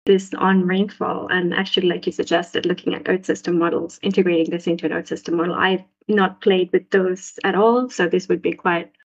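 A woman's voice: fairly even intonation, fairly quick, vocal fry, hardly any pauses, breathy edge. A young woman from Sri Lanka, a postdoc researcher, answering interview questions casually with many restarts and fillers. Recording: muffled low-fidelity audio.

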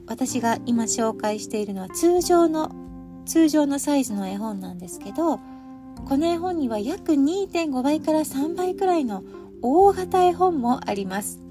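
Her voice is high but dark in tone. She's a middle-aged woman hosting a chatty solo podcast about picture books, addressing listeners directly and politely.

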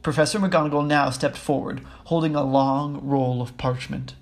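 A man reading a children's book aloud in a steady, even way, with small slips. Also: medium pitch, moderate pace. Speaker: audiobook reader. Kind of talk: storybook reading.

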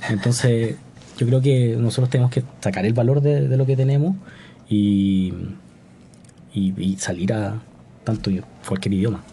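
A man's voice: medium pitch, normal speed, dark tone, slight background noise. A Chilean man talking as a guest scientist in a casual podcast interview, thoughtful, with many restarts and tag questions.

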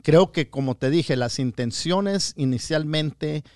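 Rambling middle-aged man, slightly high voice. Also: takes it slowly, dry recording, clean studio sound. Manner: rambling, stammers and repeats words while searching; acts out quoted lines in a lower, softer voice. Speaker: podcast host. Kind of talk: casual chat.

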